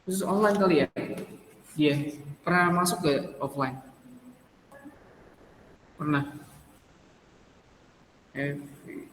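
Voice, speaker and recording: A man's voice: a little high, takes it slowly, pauses often, fairly bright tone, a little hiss or hum. A man lecturing an English class, switching between Indonesian and English and often checking with students through rhetorical questions. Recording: echoey room with long reverb.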